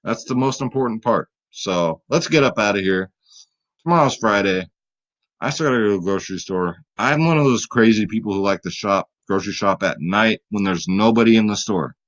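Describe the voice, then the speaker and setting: A man's voice: fairly low pitch, brisk, lo-fi sound. A man hosting a fantasy sports picks video, talking casually and straight to his viewers, tired late at night. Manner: chatty, hype-building, talks straight to viewers.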